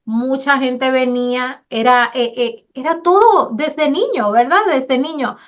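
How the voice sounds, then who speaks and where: A woman hosts a faith-centered interview conversation. Her voice sits high, and she responds with affirming, encouraging remarks and scripture. The recording sounds a little dull. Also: unhurried. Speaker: podcast host.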